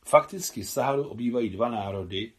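A man reading the lines of a worldly, good-humoured army doctor in an audiobook, with calm, gently reflective speech. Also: medium pitch, close to an everyday voice.

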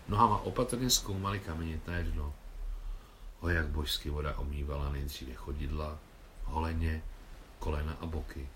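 Low-voiced man reading a novel aloud. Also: slight background noise. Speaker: translator reading his translation. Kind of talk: audiobook reading.

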